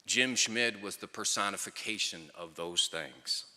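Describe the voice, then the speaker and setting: The speech is a tribute told through stories, delivered by a middle-aged former player and coach with dry, wry wit. His low-pitched voice sounds pushed and bright but unhurried, and he addresses the audience at a microphone in a big venue where the sound echoes with long reverb.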